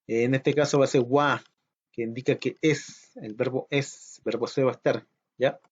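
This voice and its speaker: Male teacher, mid pitch, patient and repetitive, muffled lo-fi audio. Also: fairly even intonation, slightly rough. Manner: slow, patient, repeats each word twice. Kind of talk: online language lesson for children. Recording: dull lo-fi audio.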